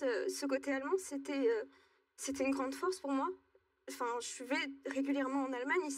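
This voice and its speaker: Hesitant young woman from Alsace, high voice. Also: recorded from a distance. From Alsace, France. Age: 20s. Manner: hesitant, halting with many fillers. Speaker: guest. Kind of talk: talk show testimony. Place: TV studio.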